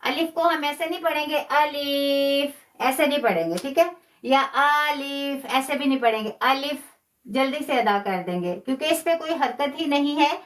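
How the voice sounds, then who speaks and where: A woman teaching a live online Quran class, patiently repeating key phrases and slowing down to demonstrate pronunciation. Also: high-pitched, expressive. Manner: stretches words slowly when demonstrating pronunciation.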